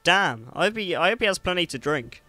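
A man's voice: high-pitched, big pitch swings, fairly quick, pushed and bright, no echo. A young man chatting through a video game, joking and talking back at the characters. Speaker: gameplay commentator. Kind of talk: let's play commentary.

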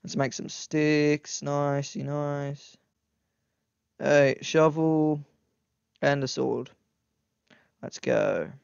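A man giving excitable gameplay commentary, talking straight to his viewers and yelping when scared. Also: on the high side, extremely slow, creaky, long pauses, clean tone, dry recording, dull audio. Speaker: gaming YouTuber.

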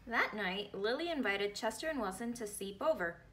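A woman's voice: medium pitch, lively intonation, moderate pace, fairly bright tone. A woman in her thirties reading a picture book aloud expressively for children. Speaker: read-aloud storyteller.

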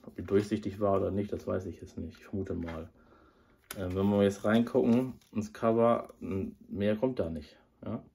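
His voice is lowish, creaky, and mellow, at a moderate pace. He's a thirties-aged audio drama reviewer with a cold, chatting casually to a nearby device camera in a small sloped-roof room, rambling and full of fillers.

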